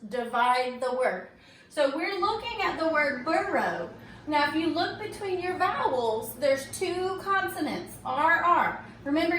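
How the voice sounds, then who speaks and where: A high-pitched woman teacher walks young kids through a reading lesson, slow and patient, pausing to check in with "okay?" again and again. She sounds some way off from the mic in an echoey room, with a faint hiss underneath. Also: a bit bright, distant mic. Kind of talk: recorded tutorial for young students.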